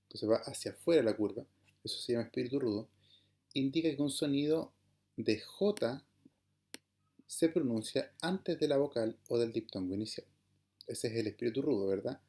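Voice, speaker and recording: A man teaching an online class in a dark, mellow voice at a middling pitch. His comes through as he explains each point step by step. He keeps checking that his listeners follow him. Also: expressive, normal speed, pauses often. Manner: patient, explanatory, checks understanding with "¿verdad?" and "¿bien?". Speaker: Greek teacher.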